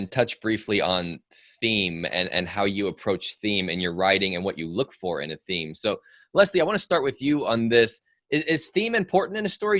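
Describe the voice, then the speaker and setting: A man moderating a panel discussion, his voice at an ordinary middle pitch. He asks direct questions and nods along with quick "mm-hmm"s. The sound is dry with no room echo. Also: fairly bright tone. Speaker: host.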